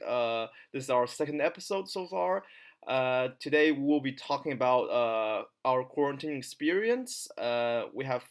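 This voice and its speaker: A man hosting a casual podcast over a remote call, talking hesitantly with many fillers and restarts. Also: medium pitch. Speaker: podcast host.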